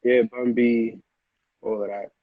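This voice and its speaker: In this dull lo-fi interview, the Honduran-born producer, raised in the Bronx from age eight, speaks a little slowly at medium pitch with little variation. He keeps things casual, slangy, and repetitive as the guest.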